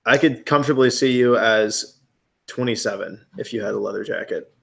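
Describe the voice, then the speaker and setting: A man's voice: mid-range voice, normal speed, creaky, fairly bright tone. A man hosting a casual live-stream hangout, teasing his guests in a dry way and laughing often.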